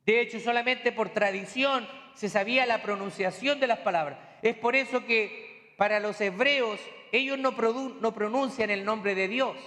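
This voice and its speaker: In a large hall, a man preaches a sermon as pastor, his voice sitting high with a bright, forceful tone at a moderate pace. He explains things in a teaching manner, using rhetorical questions and homely asides.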